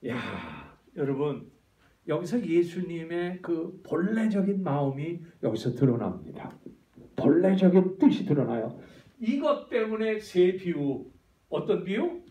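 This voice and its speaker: A man's voice: high voice, sing-song, measured pace, dark tone. A male pastor preaching a sermon, often asking the congregation questions and drawing answers back. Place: church sanctuary. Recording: echoey church hall, voice from far.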